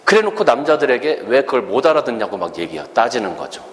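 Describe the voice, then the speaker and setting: A middle-aged male pastor preaches with a wide, animated pitch range and a playful, joking delivery. His voice carries a long reverb from the hall, with a faint hum of noise underneath. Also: quick pace. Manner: lively, humorous, acts out quoted lines. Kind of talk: sermon.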